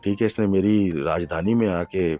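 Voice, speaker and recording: A man's voice: deep voice, warm tone, faint music behind, close to an everyday voice. A man voicing a defiant male spirit that has possessed a girl, speaking in a stubborn, threatening way.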